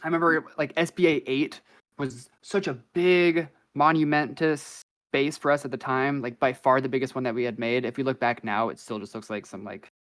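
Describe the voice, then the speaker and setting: A man chatting as a guest on a podcast, telling stories in a loose, rambling way. He keeps stacking up fillers and slang as he goes. The pitch sits in an ordinary middle range. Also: fairly even intonation, normal speed, fairly bright tone. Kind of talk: casual storytelling chat.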